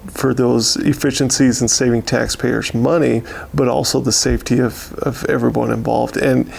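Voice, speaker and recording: An American man speaking as a county sheriff in an unscripted interview, steady but halting, with frequent pauses and repeated words, in a gravelly voice. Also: mid-range voice. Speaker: county sheriff giving a year-in-review.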